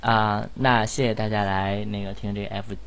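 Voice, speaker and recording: A man hosts a cast chat session for an audio drama in an informal, rambling style, often repeating his phrases. His voice is fairly low, gravelly yet smooth and fairly bright, with little pitch movement and a normal pace. Music plays in the background behind him.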